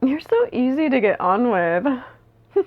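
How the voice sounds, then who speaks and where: A woman playing a weary, lovelorn young woman in a searching, halting dramatic stage monologue, with a creaky voice. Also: high voice, big pitch swings, narrow, tinny audio, exaggerated voice. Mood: wry, tipsy. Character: Masha, lovelorn weary young woman drinking away heartache.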